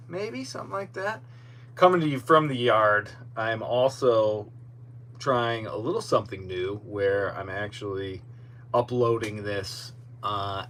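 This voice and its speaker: A fairly low-pitched man with a fairly bright tone runs a casual solo podcast live stream from a boatyard, rambling and self-deprecating. Recorded on a podcast microphone, the audio carries noticeable background noise and hum.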